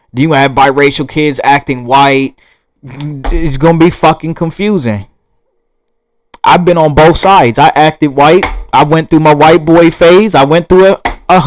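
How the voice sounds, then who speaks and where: A man's voice: on the high side, poor audio. A young man with a Southern US accent, talking bluntly and profanely to camera in a rambling monologue. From Southern United States. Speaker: vlogger.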